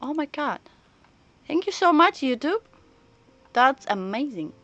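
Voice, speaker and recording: Playing a story game with music in the background, a woman live streamer chats casually, rambling and halting as she thinks aloud. Her high-pitched voice is very animated, captured in a dry, lo-fi recording.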